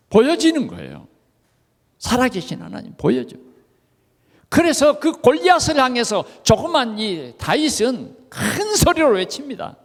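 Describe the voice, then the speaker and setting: A man preaching a sermon in a church, asking rhetorical questions and often interjecting a quick yes. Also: high-pitched. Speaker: pastor. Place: church sanctuary. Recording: reverberant church hall.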